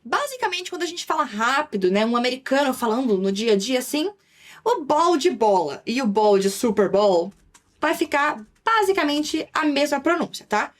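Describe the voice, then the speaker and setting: A young woman with a Brazilian Portuguese accent teaching an English lesson in a lively, chatty way, slowing down for English examples. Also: sits high. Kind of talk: online language lesson.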